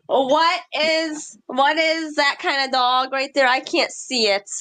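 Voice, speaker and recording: A woman's voice: high-pitched, steady tone, takes it slowly, bright, forceful tone. A woman on a live stream who keeps asking questions in casual chat. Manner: asks lots of questions.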